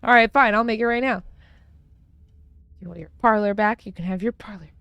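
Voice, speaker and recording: A woman's voice: mid-range voice, fairly quick, a bit bright, smooth, no room sound, muffled recording. A young woman streaming from home and chatting casually on a close desk mic, rambling with lots of fillers and frequent laughs. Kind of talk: casual chat while gaming.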